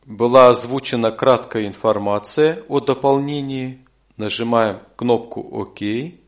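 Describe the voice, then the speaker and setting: A man narrating scripted step-by-step instructions as an audio course instructor, measured and neutral. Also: medium pitch.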